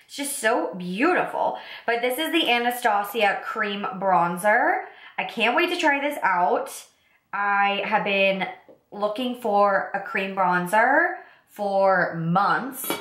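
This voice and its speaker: A young woman vlogger with a slightly raspy, congested voice from a cold, chatting enthusiastically while doing her makeup at home. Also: mid-range voice, fairly bright tone. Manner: chatty, enthusiastic product talk. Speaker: beauty vlogger. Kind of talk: casual get-ready-with-me makeup talk. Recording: roomy echo.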